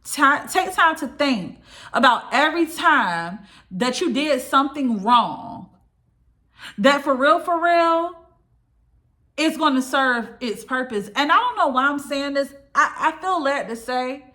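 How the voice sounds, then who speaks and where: A woman's voice: high voice, lively intonation, measured pace, bright, forceful tone. A woman preaching an informal sermon straight to her listeners. She speaks emphatically, repeats her key lines and drops in casual asides.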